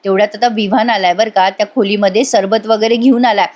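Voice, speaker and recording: A woman's voice: mid-range voice, steady tone, fast, a little mellow. A woman narrating a voice-over episode recap in a chatty storytelling manner, speaking to her viewers. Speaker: serial reviewer.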